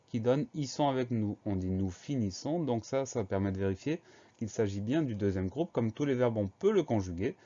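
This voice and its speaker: A man teaching a spelling lesson, calmly explaining each word and spelling it out letter by letter. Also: on the low side. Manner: slow, carefully spells words letter by letter. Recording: dull lo-fi sound.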